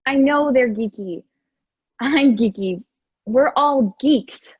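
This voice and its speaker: Wry, candid geek schoolgirl played by a woman, raspy edge, play reading, close dry muffled recording. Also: high voice, takes it slowly, no echo, heavily acted. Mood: defensive. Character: geeky, frank, wry teenage girl.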